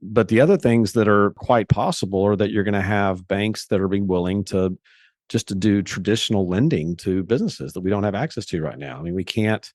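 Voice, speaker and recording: A man with a fairly low voice answers as a guest in a conversational interview. He explains in a measured way, often restarting his sentences. The recording is close and dry. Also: a little mellow, no room sound. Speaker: guest, investor.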